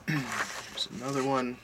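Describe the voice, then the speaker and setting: With a noisy background, a mid-range-voiced man in his forties sits at his desk and speaks to a webcam. The collector and online reseller gives a chatty, offhand, meandering vlog update from an indoor home office full of collectibles, repeatedly correcting himself mid-sentence.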